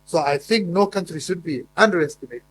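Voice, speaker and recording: Speaking briskly in a fairly high, somewhat bright and slightly rough voice, a man presents formally at a conference hall. His delivery is emphatic, peppered with fillers and repeated words.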